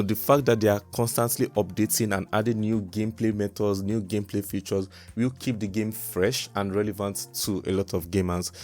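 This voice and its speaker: A man's voice: on the low side, darkish tone. A man presenting a promotional crypto review vlog in the manner of a crypto bro, making repeated, emphatic selling points. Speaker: crypto YouTube host. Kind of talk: scripted-style vlog narration, promotional review.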